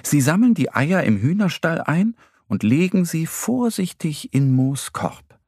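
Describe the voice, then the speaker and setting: A man narrating a children's story in a gentle, expressive storytelling manner. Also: fairly high pitch, measured pace, no room sound, clean studio sound.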